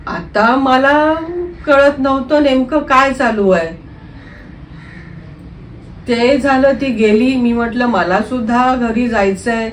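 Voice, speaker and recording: A woman telling her own true ghost story in an unscripted, conversational way, often clearing her throat and using fillers. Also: a little high, slow, recorded from a distance, a little hiss or hum. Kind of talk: first-person true story narration.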